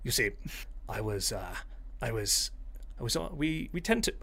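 A man's voice: medium pitch, big pitch swings, moderate pace, gravelly, fairly bright tone, breathy edge, heavily acted. A man voicing a well-groomed, regal male cat who gossips in a fussy, conspiratorial way. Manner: conspiratorial, fussy, hesitant British-style toff talk.

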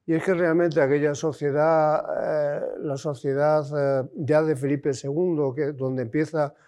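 A man with a mellow, smooth, resonant voice lectures to an audience. He pauses often and restarts phrases as he works through his points. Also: a little high, little pitch movement. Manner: hesitant, with frequent fillers and restarts. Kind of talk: academic lecture.

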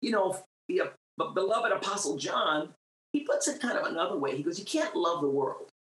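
A middle-aged singer of Puerto Rican roots, raised in New York, shares her faith testimony as a guest on a podcast interview. She speaks a little fast in a lowish voice, earnest at first and growing emphatic and animated, in a roomy, echoey recording.

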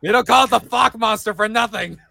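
A man co-hosting a podcast in casual, playful chat, quick to laugh. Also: high-pitched, creaky, bright, forceful tone, no room sound, clean studio sound. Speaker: podcast co-host.

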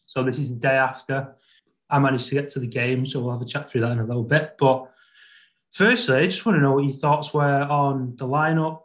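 Male host, average pitch, informal football chat with co-presenters. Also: steady tone, a little fast. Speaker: podcast host.

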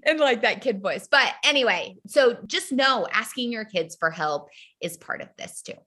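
A woman's voice: on the high side, animated, normal speed, bright, forceful tone. A woman co-hosting a lifestyle podcast, chatting casually with frequent fillers. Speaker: podcast co-host.

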